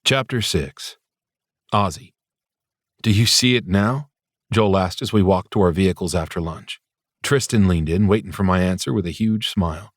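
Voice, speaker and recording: Brief: lower-pitched male narrator, dry wit, close studio read. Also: normal speed, breathy edge, no room sound. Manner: wry, dryly humorous. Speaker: audiobook narrator. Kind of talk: first-person audiobook narration.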